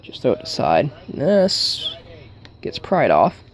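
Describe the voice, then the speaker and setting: A man giving a casual hands-on tutorial, thinking aloud in a halting way as he works, with wry humour. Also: mid-range voice, huge pitch swings. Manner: thinks aloud while working, halting, wryly joking. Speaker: hobbyist demonstrating an electronics hack.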